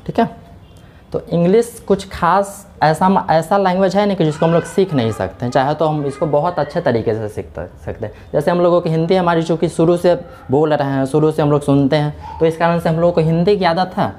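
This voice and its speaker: A man with a fairly high, darkish voice gives a brisk classroom lecture, with a little hiss or hum audible. His teaching proceeds step by step, he keeps saying "theek hai," and he raises questions and answers them himself.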